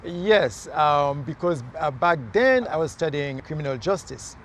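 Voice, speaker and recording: A man from Haiti talks earnestly and haltingly in an outdoor interview, his fairly high voice rough with gravel. Faint city traffic hums behind him. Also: lively intonation. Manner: earnest, hesitant, many fillers. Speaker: mayoral candidate. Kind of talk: casual interview.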